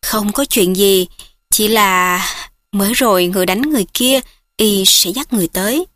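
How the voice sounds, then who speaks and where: A woman voicing a timid, deferential old male innkeeper in an audiobook story, speaking in a hushed, fearful way. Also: medium pitch, moderate pace, no echo, close to an everyday voice.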